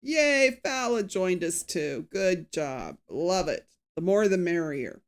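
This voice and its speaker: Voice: medium pitch, very animated, slow pace. A true crime show host in a casual live recap, chatty and opinionated, greeting viewers by name and reading out quotes with added emphasis. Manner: reads out quotes with acted emphasis.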